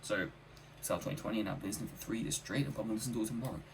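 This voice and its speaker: A man's voice: on the low side, very fast, creaky, background noise. A man giving a casual, enthusiastic spoken music review, stressing points by repeating his phrases. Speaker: album reviewer.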